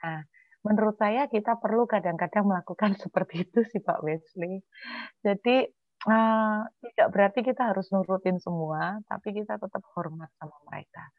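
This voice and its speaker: A woman speaking earnestly in an online church discussion, with many filler sounds and a voice that drops softly at times. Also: mid-range voice, normal speed, no echo, phone-quality sound. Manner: earnest, with frequent filler sounds, softening to hushed tones when quoting herself. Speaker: church speaker answering questions.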